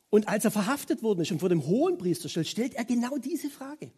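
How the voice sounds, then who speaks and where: A male preacher who gives a casual, conversational sermon in a high, lively voice. His tone is husky and a bit breathy, and his pitch swings widely as he gets animated. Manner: animated, informal, with many filler words.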